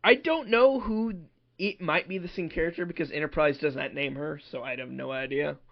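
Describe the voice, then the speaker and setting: A man's voice: a little high, fairly quick, vocal fry. A man co-hosting a podcast in casual chat, agreeing often with a string of "right, right". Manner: agreeable, frequent "right, right" affirmations. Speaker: podcast co-host. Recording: dull lo-fi audio.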